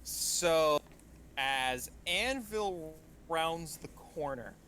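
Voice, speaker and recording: A man narrating as game master of a tabletop game, pausing often with fillers and restarts. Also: fairly high pitch, lively intonation, sharp tone, slight background noise. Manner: halting, many fillers and restarts.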